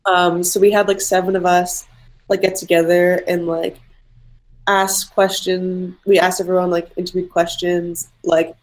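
In a relaxed interview, the young artist guest, whose family is mixed Egyptian and Irish, wanders from thought to thought and says "like" constantly. Her pitch is fairly low and level, and she talks a little slowly.

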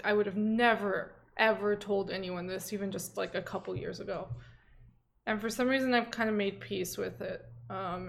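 A young woman speaks candidly on a conversational podcast, hesitating often and leaning on filler words. Her voice sits at a middle pitch with a noticeable creaky fry. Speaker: podcast co-host. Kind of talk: casual chat.

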